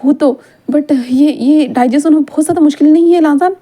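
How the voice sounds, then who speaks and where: A woman's voice: high voice, fairly quick, dark tone, voice pushed up, lightly acted. A woman doing a flustered, stammering young man. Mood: flustered, protesting. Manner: protesting, stammering.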